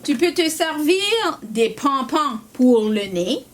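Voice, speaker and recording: A young woman with a Québécois accent teaching young children, asking them questions in a slow, sing-song way. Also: high-pitched, sing-song. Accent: Québécois French. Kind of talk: children's lesson.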